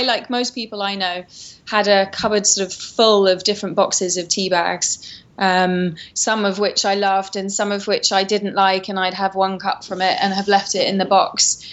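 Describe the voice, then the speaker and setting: A woman with a soft-edged recording, dull and a little lo-fi, speaks in a Home Counties English accent. She explains things conversationally as an interview guest, at a middle pitch, hedging as she goes. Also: flat delivery, normal speed. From Surrey, England. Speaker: interview guest, tea company founder. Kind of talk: casual interview chat.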